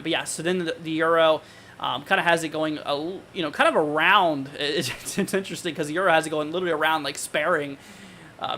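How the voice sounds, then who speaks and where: A man's voice: a little high, bright, forceful tone, a little hiss or hum. A man hosting a live weather forecast, talking informally and conversationally as he thinks aloud. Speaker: weather livestream host.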